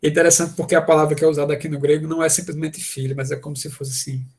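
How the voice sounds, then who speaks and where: A man's voice: on the high side, level tone, racing, a little mellow. A man preaching a sermon, earnest and asking the congregation direct questions.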